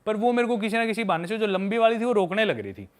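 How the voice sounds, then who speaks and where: A man's voice: high voice, big pitch swings, fast talker. A young man casually telling candid travel stories as a podcast guest. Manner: candid, chatty anecdotal storytelling. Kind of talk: casual storytelling chat.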